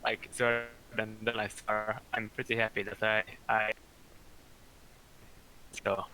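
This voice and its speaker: A man's voice: on the low side, little pitch movement, slow pace, bright, forceful tone, slight background noise, low-quality recording. A man who manages an esports racing team, giving a post-race interview over an online voice call. His audio keeps cutting out, so his sentences break off and trail away. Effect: choppy audio cutting out mid-word.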